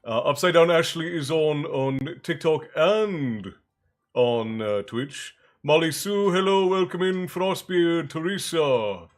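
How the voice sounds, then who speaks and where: Taking his time, a man with a fairly high, expressive voice hosts a livestream, joking casually and greeting viewers by name. Lingering congestion and a slight chesty cough color his speech. Soft music plays in the background.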